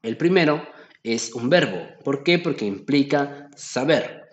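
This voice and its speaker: A man's voice: medium pitch, expressive, a little slow, echoey room, highs cut off. A man tutoring through exam solutions, explaining step by step and often checking in with the listener. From Peru.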